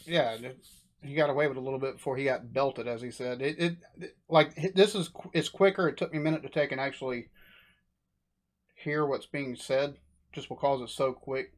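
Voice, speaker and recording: A man's voice: mid-range voice, fairly quick. An American man giving casual, off-the-cuff reaction commentary as a host. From United States. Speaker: host reacting to accent recordings.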